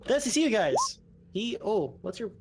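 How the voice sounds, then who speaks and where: A man improvising descriptive narration as game master of a tabletop game, halting and conversational. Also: high voice, sing-song. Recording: background noise.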